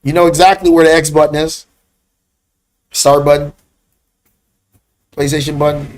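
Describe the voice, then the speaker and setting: A man with a fairly high voice leads a live-streamed trading lesson. He talks bluntly and scolds his viewers by name. When he wants a point to land, he slows down and leans hard on each word. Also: little pitch movement, darkish tone. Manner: blunt, scolding, calls out chat names. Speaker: trading class host.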